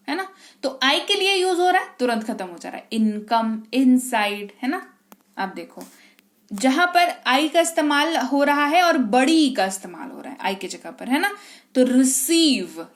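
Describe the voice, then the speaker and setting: A woman teaching an English pronunciation class, drawing out example words slowly and quizzing her students with questions back to them. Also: high-pitched. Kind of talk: spoken phonics lesson.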